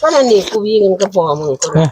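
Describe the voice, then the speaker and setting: A woman's voice: medium pitch, very animated, quick pace, darkish tone. A woman with an Isan Thai accent, talking bluntly and informally with family during a meal. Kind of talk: casual family chat while eating. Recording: noisy home recording with clicks.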